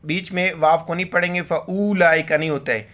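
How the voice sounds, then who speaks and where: A man teaching Quran reading, spelling syllables slowly and adding quick explanations of the rules. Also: fairly high pitch, steady tone, sharp tone. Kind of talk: letter-by-letter recitation lesson. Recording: slightly dull lo-fi audio.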